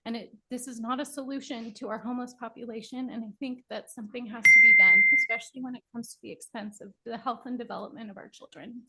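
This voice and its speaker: A woman in her thirties, a working mother, giving a nervous, emotional public comment at a county board meeting, halting with many ums. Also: on the high side, fairly even intonation, background noise.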